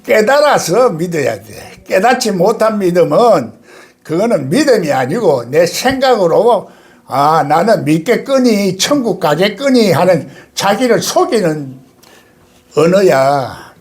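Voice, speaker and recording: An older man, a pastor preaching a sermon with sudden loud outbursts and laughter. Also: high-pitched, very animated, unhurried.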